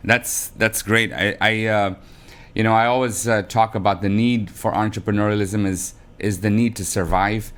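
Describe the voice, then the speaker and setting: A man with a somewhat low voice hosts an interview. He asks long, rambling questions, often halting with fillers and restarts as he finds his words. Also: fairly even intonation, fairly bright tone. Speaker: host.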